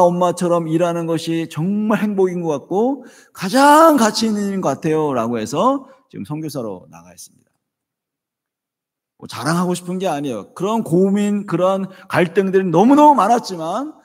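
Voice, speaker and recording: Man, 50s, pastor, lively sermon, somewhat high voice, long church reverb. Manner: storytelling, animated, acts out dialogue. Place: church sanctuary.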